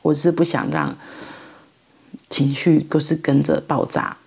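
Middle-aged woman, Taiwanese Mandarin accent, reflective monologue; heavy vocal fry, breathy, halting phrasing. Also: deep voice, level tone, a little mellow. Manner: halting, thoughtful, pauses mid-phrase. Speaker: mother sharing parenting reflections.

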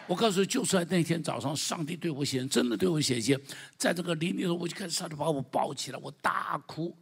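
An older male pastor with a Taiwanese Mandarin accent preaches with fervor, dropping to soft storytelling and then rising to loud declarations. His voice sits fairly high, with a gravelly, husky edge. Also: lively intonation, fast. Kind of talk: sermon.

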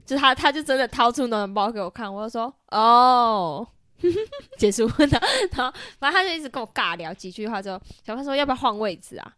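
A woman in her twenties with a Taiwanese Mandarin accent, telling a story in casual chat, animated and full of laughter. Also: on the high side, fast, dry recording. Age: 20s. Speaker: podcast co-host.

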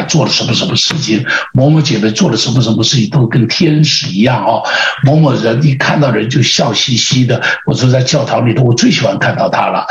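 Taiwanese-accented pastor telling lively stories. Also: male voice, medium pitch. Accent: Taiwanese Mandarin. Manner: lively anecdotal, acts out dialogue. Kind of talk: storytelling sermon. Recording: roomy, slightly dull podcast audio.

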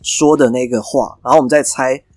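Taiwanese Mandarin-speaking man, mid-pitched, casual game chat, podcast co-host, faint music behind. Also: steady tone, brisk, a little mellow, no room sound. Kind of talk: casual chat while playing a guessing game.

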